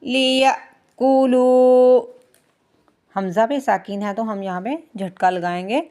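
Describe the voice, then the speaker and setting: A woman teaching Quran recitation rules, chanting verses slowly and drawn out, then explaining quickly in plain speech. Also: medium pitch, a little mellow. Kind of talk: tajweed lesson, slow recitation alternating with quick explanation.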